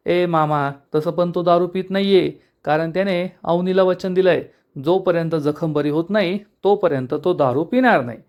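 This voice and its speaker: A bold young niece speaks up with confidence and hope. A man reads her in a soap-recap voice, a little high. She sounds sure of herself. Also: moderate pace, dull audio. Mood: confident.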